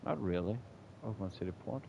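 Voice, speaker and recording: Male game streamer: lowish voice, chummy, repeats himself, casual commentary over faint game noise. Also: brisk, creaky, highs cut off. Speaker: game livestreamer.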